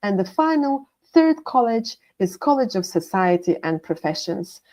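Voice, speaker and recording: A woman's voice: mid-range voice, very animated, normal speed, dark tone. A woman working as a university international manager, giving a scripted presentation and methodically listing course names.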